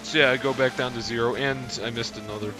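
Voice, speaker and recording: A man calmly narrating his own play in casual gameplay commentary. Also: mid-range voice, quick pace, soft background music. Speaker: let's play host playing the game.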